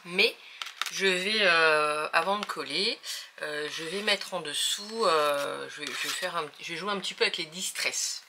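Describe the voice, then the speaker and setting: A woman's voice: sits low, a little slow, background noise. A woman hosting a casual craft tutorial, talking hesitantly with many fillers as she thinks aloud while working.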